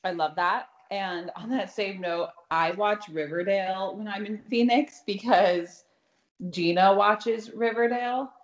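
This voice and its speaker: A woman's voice: mid-range voice, a little slow, highs cut off. A woman co-hosting a podcast in casual chat, informal and exclamatory, with easy swearing. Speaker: podcast co-host.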